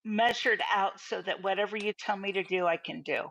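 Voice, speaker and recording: A woman hosting a casual cooking chat, encouraging her guest with quick replies. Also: medium pitch, creaky, fairly bright tone, low-quality recording. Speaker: host.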